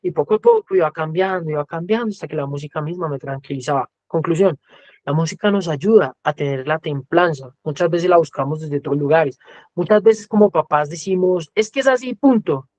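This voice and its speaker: Higher-voiced Colombian man lecturing. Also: brisk, a little mellow, no echo. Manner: conversational lecturing, often acting out quoted voices. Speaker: music teacher, guest speaker. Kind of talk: educational talk.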